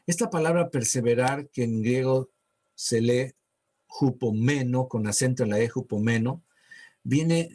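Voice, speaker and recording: Male pastor, husky mid-range voice, casual conversational sermon delivery. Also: medium pitch, a little mellow. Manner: conversational preaching, slows to read verses. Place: church.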